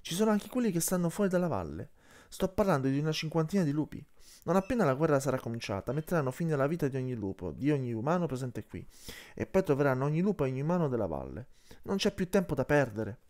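A man's voice: fairly high pitch, very animated, fast talker, a little mellow. A man voicing a large, stern she-wolf in an audiobook, giving orders in a growling, tired tone. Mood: commanding. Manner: growling, commanding. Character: big stern she-wolf, weary enforcer.

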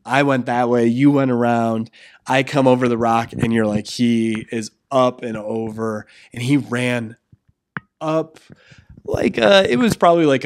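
A man's voice: mid-range voice, no echo. Guy in his 30s chatting on a podcast, tells stories with lots of voices, dry close mic. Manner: animated storyteller, acts out quotes. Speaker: podcast co-host. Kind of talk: casual chat.

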